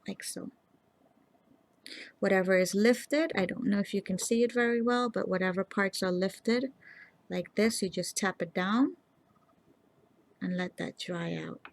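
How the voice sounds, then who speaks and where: A woman hosting a nail art tutorial, explaining each step in a calm, instructive way and speaking to viewers directly. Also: mid-range voice, normal speed, no room sound. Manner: calm, instructive, addresses viewers as "you guys". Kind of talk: casual step-by-step tutorial narration.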